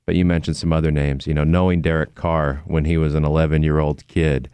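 A man's voice: a bass voice, level tone, a little fast, dark tone, smooth, dry recording. A middle-aged man, a sports announcer telling stories in an earnest, reflective way during an interview. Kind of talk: conversational interview.

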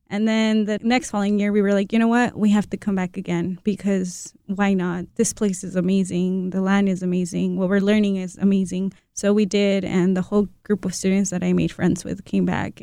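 A young woman from Mexico tells her story as a student guest, chatty and often laughing as she quotes herself. Her voice is smooth and warm, and the recording is dry and close. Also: medium pitch, no echo. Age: young adult. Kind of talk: casual interview answers.

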